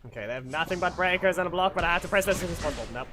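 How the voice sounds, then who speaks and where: A gaming channel host with a high-pitched, rapid-fire voice gives casual live commentary on a fighting game while music plays in the background. He's excitable, calling out moves and trash-talking his opponents.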